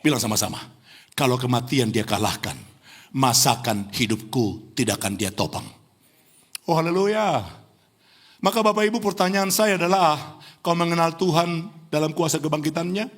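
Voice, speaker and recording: A middle-aged man from Indonesia preaching a lively sermon in a church, teasing the congregation and rising to near-shouts. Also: fairly high pitch, normal speed. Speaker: pastor. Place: church hall.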